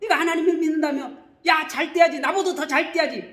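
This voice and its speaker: A man voicing a scornful worldly man who taunts believers in a sneering way, his voice raised high above his own. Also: normal speed, fairly bright tone, echoey room. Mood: taunting.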